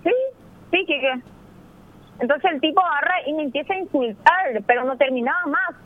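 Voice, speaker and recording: A woman's voice: high voice, moderate pace. A woman, a guest calling in by phone, retelling an encounter in an agitated rush full of restarts. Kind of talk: phone interview retelling an incident. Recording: tinny phone line, dry.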